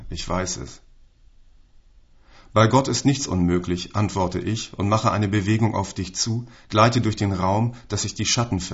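A man reading a literary text aloud in a measured, solemn way. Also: lowish voice. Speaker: reader. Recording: dull lo-fi recording.

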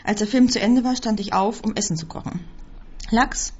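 A woman reading a first-person story aloud as scripted narration, with a husky voice. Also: mid-range voice, quick pace, darkish tone. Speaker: audiobook reader. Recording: dull lo-fi recording.

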